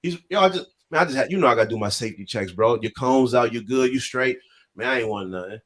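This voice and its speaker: A man's voice: medium pitch, fast talker. A young man co-hosting a podcast, telling a story in casual banter and acting out the people in it. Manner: animated, acts out voices in his stories. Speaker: podcast co-host.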